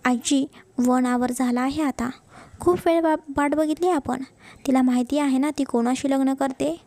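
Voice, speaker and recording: Woman doing an arrogant young businessman, mellow and gravelly, impatient in a storybook. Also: sits high, steady tone, normal speed, no echo. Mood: annoyed. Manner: haughty, irritated. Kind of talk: storybook narration.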